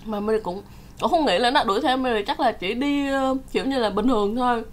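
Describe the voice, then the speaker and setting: A woman's voice: fairly high pitch, a little fast. Chatty woman telling a story. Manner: chatty, laughing often, acts out quotes. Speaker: vlogger. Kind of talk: casual storytelling to viewers. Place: home in Canada.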